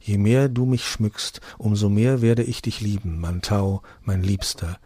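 A serene divine queen of a distant realm speaks with calm, solemn tenderness, as a man voices her. The tone stays low, dark and a little husky. The storybook reading sounds close and dry. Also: measured pace, no echo. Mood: solemn tender.

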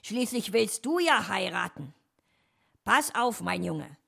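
A woman's voice: medium pitch, very animated, slow pace, gravelly, fairly bright tone, breathy edge, full character voice. A woman voicing a sly male fox in a storybook, scheming and pleased with his own plans.

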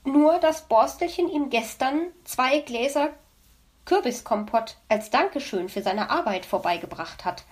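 A woman's voice: sits high, animated, unhurried. A woman voicing a busy, chatty mother hedgehog in a storybook, motherly and fond.

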